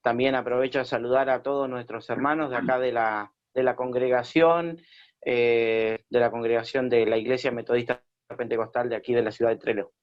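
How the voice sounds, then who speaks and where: A man's voice: mid-range voice, fairly even intonation, a little fast, dull audio. A man from Chile, a pastor telling his testimony in a radio interview, hesitant with many fillers and restarts.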